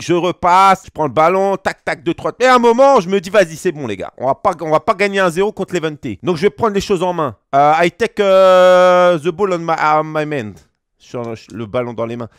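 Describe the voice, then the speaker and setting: A young man telling a comic story in a joking, slangy, animated way, as a gaming YouTuber. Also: high voice, dry recording, studio quality.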